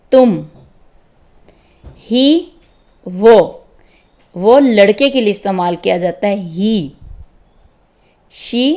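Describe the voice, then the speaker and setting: A woman's voice: medium pitch, darkish tone. A woman teaching beginners English grammar, explaining step by step and checking in with her listeners. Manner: patient, repeats "theek hai" to check understanding. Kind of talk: slow step-by-step grammar lesson.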